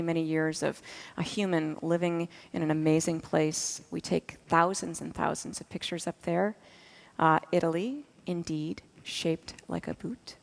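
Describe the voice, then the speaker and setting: A woman's voice: lowish voice, creaky. A woman from Massachusetts in her fifties giving a chatty conference talk as an astronaut, full of fillers and restarts. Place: conference stage. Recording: long hall reverb in a conference room.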